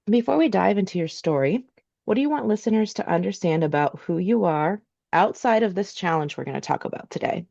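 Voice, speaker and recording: A woman hosting an interview podcast, reading a measured scripted intro and then asking chatty questions. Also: lowish voice, expressive, creaky, dark tone, muffled recording. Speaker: podcast host.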